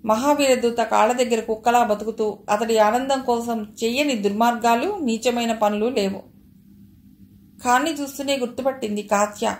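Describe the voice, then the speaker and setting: Woman narrator for an audio novel, raised pitch, roomy echo. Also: fairly even intonation, normal speed. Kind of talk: reading a novel aloud.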